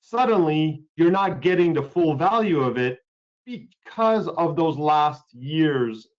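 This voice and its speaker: A man's voice: a little high, expressive, takes it slowly. A man hosting a webinar on practice planning, talking loosely and conversationally, with frequent fillers and repeated words. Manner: rambling, repeats words and uses many fillers. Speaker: webinar host, healthcare lawyer. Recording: dull lo-fi webinar audio.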